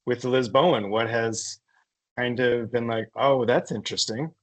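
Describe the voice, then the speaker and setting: A man's voice: medium pitch, fairly even intonation, unhurried. A man hosting a live Q&A, reading out questions from the audience with hesitant fillers. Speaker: host. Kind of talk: live Q&A interview.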